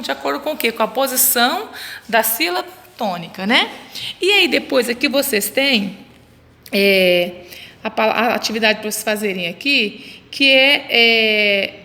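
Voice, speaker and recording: A woman's voice: a little high, sharp tone. A woman teaching children a lesson, stretching out words syllable by syllable and answering her own questions. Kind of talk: recorded remote class for children. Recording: reverberant room, faint background noise.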